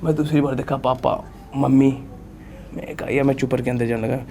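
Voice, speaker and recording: A man's voice: mid-range voice, fairly even intonation, a little fast, a crowd in the background. A young man, an athlete guest on a podcast, telling rambling stories full of fillers and frequent laughter in a studio. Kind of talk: casual storytelling interview.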